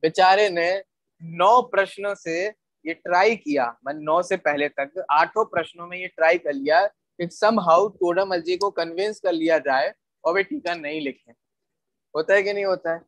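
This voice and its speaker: A man's voice: high voice, normal speed, fairly bright tone, no echo. A man teaching scripture in a patient, explanatory lecture, often asking listeners rhetorical questions and repeating points for emphasis. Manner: rhetorical questions to listeners, checks they follow.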